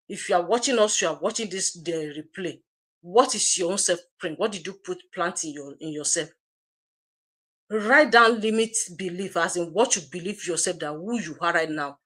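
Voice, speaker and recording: A woman's voice: lowish voice, a bit bright. Emphatic woman giving a motivational talk. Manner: emphatic, repeats phrases for emphasis; direct, addresses viewers as you. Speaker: co-host of an online business community livestream.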